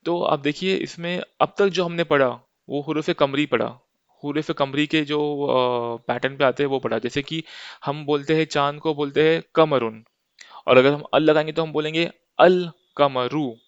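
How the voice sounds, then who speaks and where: A man's voice: fairly high pitch, steady tone, normal speed, clear, resonant tone, dry recording, highs cut off. A man teaching an Arabic lesson step by step, patient and often checking in with his listeners.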